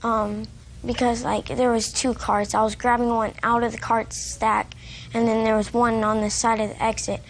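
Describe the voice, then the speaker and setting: A young female giving unscripted testimony in a TV courtroom, explaining in halting, simple, repeated phrases. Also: fairly high pitch, level tone, a little hiss or hum. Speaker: witness in TV court.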